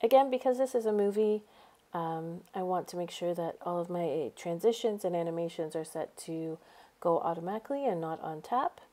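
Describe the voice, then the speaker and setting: A woman's voice: lowish voice, moderate pace, dark tone. A woman teacher narrating a screencast tutorial, explaining each step in an upbeat way. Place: voice-over over a screen recording.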